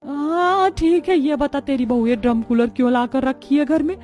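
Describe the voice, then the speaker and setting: A woman's voice: high-pitched, a little mellow, faint music behind, voice pushed up, close to an everyday voice. A woman doing a dramatic gossiping neighbour. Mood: gossipy. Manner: dramatic, gossipy, drawn-out calling. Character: gossiping middle-aged neighbour woman, alarmist.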